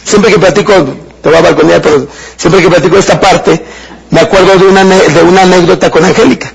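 A man's voice: high-pitched, steady tone, a little fast, vocal fry. A man with a Mexican accent giving a motivational seminar talk to a live audience, conversational and quizzing the crowd with questions. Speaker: motivational speaker. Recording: noisy live seminar recording.

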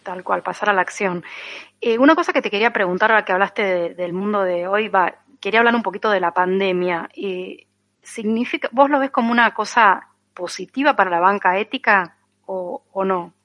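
A woman with a Rioplatense accent asking an interview question quickly, with small hesitations. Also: medium pitch. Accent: Rioplatense Spanish. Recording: dull lo-fi sound.

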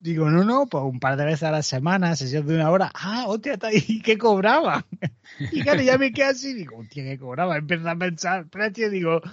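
A man with a high voice tells a story in relaxed chat, laughing often and slipping into the voices of the people he quotes. The sound is dry and a little dull. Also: brisk, no room sound. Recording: dull, slightly muffled, dry audio.

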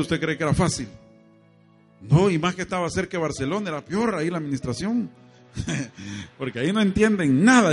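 A man preaching an evangelical sermon, telling stories and speaking directly to his congregation. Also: a little high. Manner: addresses congregation directly, animated storytelling.

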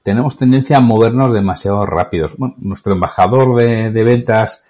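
A man hosting a business podcast, introducing the show and interviewing a guest in a chatty, lively way. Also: lowish voice, brisk. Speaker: podcast host.

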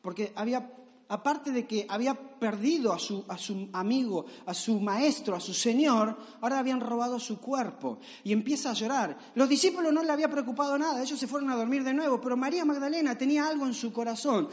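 A male pastor with a very high voice preaches in a loose, storytelling way, peppering his sermon with rhetorical questions. His voice rings out with long reverb from a large hall.

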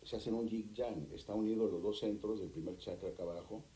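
Deep-voiced man, animated. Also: echoey room, poor audio. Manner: animated, acts out couples in quick voices. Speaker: guest, therapist and author. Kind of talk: conversational interview.

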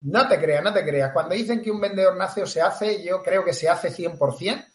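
High-sitting and at a normal speed, the voice belongs to a Catalan sales coach with a Murcian-tinged Spanish accent, interviewed as a podcast guest. Reverb surrounds him, and he speaks emphatically, often repeating phrases.

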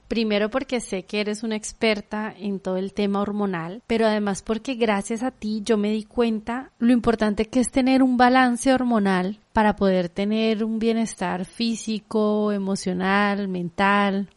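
A woman's voice: medium pitch, darkish tone. A woman from Mexico, hosting a wellness podcast with an upbeat presenter delivery. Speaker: podcast host. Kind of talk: scripted intro and interview.

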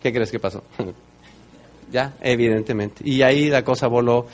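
A middle-aged man with a Mexican accent, giving a motivational talk and telling his story, with loud bursts and soft low asides. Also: steady tone, moderate pace, a little hiss or hum. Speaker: speaker at a business event.

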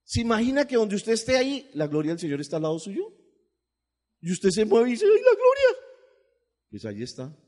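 A male pastor preaching a sermon, swinging from loud, emphatic bursts to low, quiet asides. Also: sing-song, a little fast, long reverb tail.

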